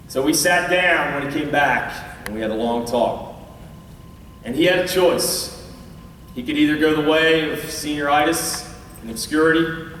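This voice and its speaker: An American man, a coach, giving a prepared awards speech in an earnest, measured way to an audience. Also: a little high, fairly bright tone. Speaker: high school track coach. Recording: echoey hall, far from the mic, faint noise.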